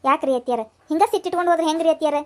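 A dutiful young cartoon daughter-in-law, voiced by a woman, chatters and pleads with a North Karnataka accent. Her voice is very high and quick. Her manner stays fussing and earnest. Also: natural voice. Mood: chatty pleading. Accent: North Karnataka Kannada.

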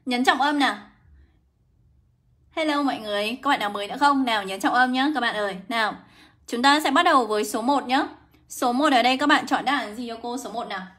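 A young woman runs a live English lesson. Her voice is bright and a little high, and she talks in a brisk, coaxing way. She keeps calling out to her viewers by name as she goes. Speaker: English teacher. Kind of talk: livestream lesson.

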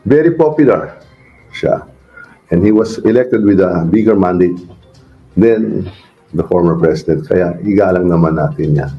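A man, a politician, giving a measured, formal public statement in a played clip. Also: sits low, expressive. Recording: dull archive clip with faint music.

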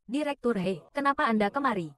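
A woman's voice: a little high, expressive, fairly quick, a bit bright, dry recording. A woman dubbing a short drama, voicing all the roles in her own everyday voice. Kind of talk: dubbed short drama dialogue.

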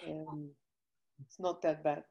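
A woman's voice: sits low, level tone, slow pace, warm tone, dull audio. An older woman from Guatemala, a foundation president, explaining her work earnestly over a video call while feeling weak from illness.

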